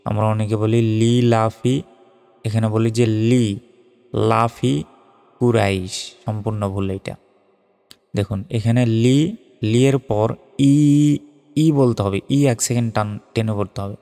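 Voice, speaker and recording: A man teaching Quran recitation, speaking in a low, mellow voice with a flat, steady delivery. He spells out each letter and vowel mark, then chants the words slowly. His voice is smooth and clear, with a long hall reverb and faint music underneath.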